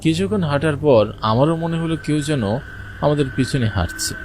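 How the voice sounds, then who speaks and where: A man plays a frightened village fisherman, narrating a cartoon horror story in the first person with suspense and anxious urgency, in a nervous mood. His fairly high voice is animated, brisk and close to everyday speech, against a noisy background.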